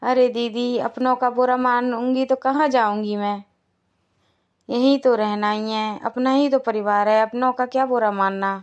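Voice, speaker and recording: A woman voicing Lajo, a selfless young daughter-in-law in a cartoon, gentle, patient and reassuring. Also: on the high side, steady tone, moderate pace, lo-fi sound, close to an everyday voice. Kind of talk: Hindi cartoon voice acting.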